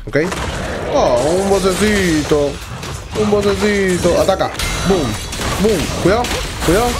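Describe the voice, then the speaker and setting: Excitable gamer, slightly high voice. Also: male voice. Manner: excitable, swears often, talks to himself. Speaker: gaming YouTuber. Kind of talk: let's play commentary.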